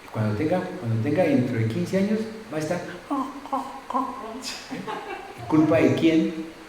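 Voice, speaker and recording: A man's voice: on the high side, expressive, fairly quick, warm tone, slight background noise. A middle-aged male pastor preaching a sermon conversationally, with frequent tag questions and acted-out anecdotes. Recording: very echoey church room.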